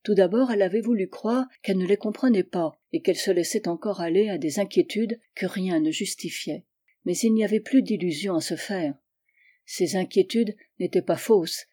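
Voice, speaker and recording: Mellow-voiced woman narrating a novel. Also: medium pitch, normal speed. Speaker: audiobook narrator. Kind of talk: literary audiobook narration.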